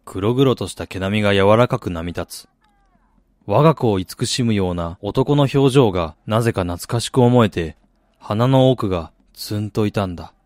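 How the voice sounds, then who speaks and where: In a dry, clean studio recording, an actor speaks with lively intonation at a moderate pace, his lowish, slightly mellow voice close to an everyday one. He plays a weary, disillusioned man back in his dying hometown, narrating in first person and speaking dialogue for a radio drama. The mood is brooding and resigned, his talk self-deprecating.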